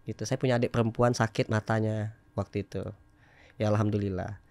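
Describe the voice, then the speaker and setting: A man, telling his personal story candidly as a podcast guest and growing loud and emphatic at times. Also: on the low side, fairly quick, no echo. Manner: animated, rising to loud emphatic bursts.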